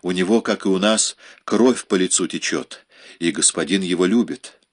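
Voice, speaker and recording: A man's voice: low voice, moderate pace. A man voicing a group of frightened male slaves in an audiobook. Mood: fearful.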